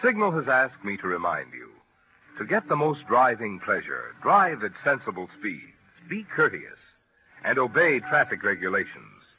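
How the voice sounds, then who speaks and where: A man's voice: on the low side, huge pitch swings, normal speed. A man announcing on a 1940s radio show, reading scripted sponsor copy and credits. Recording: muffled vintage 1940s radio broadcast.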